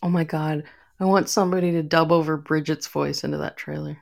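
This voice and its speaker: A woman's voice: low-pitched, fairly even intonation, brisk, creaky, a little mellow. A woman co-hosting a podcast in casual chat, laughing often and chiming in. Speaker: podcast co-host.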